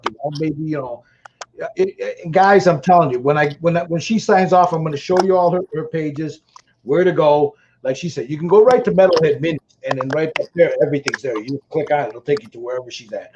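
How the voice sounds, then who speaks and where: Talking fairly quickly in a slightly high voice, a man with a Chicago accent rambles through a casual livestream he's hosting, often stammering and starting over. The stream sound is muffled and lo-fi, with faint noise.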